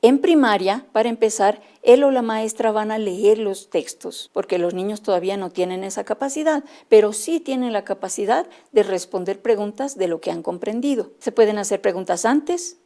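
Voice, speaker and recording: A woman's voice: medium pitch, expressive, moderate pace, few pauses, mellow. A woman with a Bolivian Spanish accent giving a methodical instructional lecture to teachers, spelling out letters and sounds one by one. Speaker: teacher trainer.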